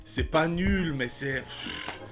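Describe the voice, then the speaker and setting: A man in his thirties hosts a reaction channel, giving casual commentary over music. His medium-pitched voice is very animated yet slow, with vocal fry, and he talks in slang full of sighs, fillers and restarts.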